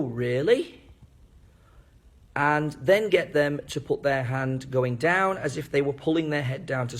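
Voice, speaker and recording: A man giving an enthusiastic video lesson on intonation, demonstrating rising and falling tones with his own voice. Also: a little high. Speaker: teacher trainer.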